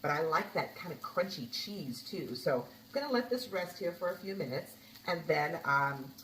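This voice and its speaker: A low-pitched woman talks her way through a recipe in a home kitchen, chatty and homey. The room is echoey, with a faint hum of ambience behind her. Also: expressive, moderate pace, fairly bright tone, far from the mic. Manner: chatty, homey, talks while cooking and tasting. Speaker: home cooking host. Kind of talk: casual cooking demonstration.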